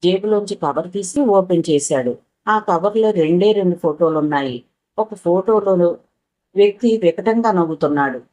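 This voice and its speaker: A woman narrating a spoken story in a steady, measured reading. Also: fairly low pitch, low-quality recording.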